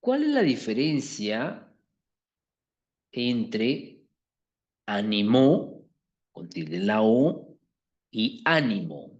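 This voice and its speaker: Teacher, male, animated pitch, explains patiently, keeps asking if the class follows. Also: very slow, pauses often, lo-fi sound. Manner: keeps checking understanding with tag questions. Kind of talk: explaining a language exercise to a class.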